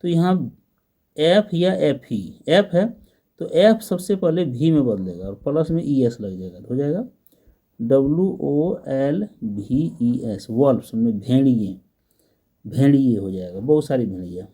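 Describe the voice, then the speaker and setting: Patient male tutor, unhurried spelled-out grammar lesson, soft mellow tone. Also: mid-range voice, animated. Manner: patient, spells letters slowly and asks the class questions. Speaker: teacher.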